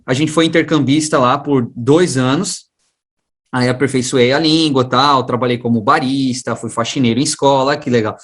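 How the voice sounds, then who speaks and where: Speaking with a Brazilian accent from the São Paulo region, a man who works as a science teacher and education researcher chats casually and with plenty of slang about his own life as an interview guest. His voice is medium in pitch and fairly bright.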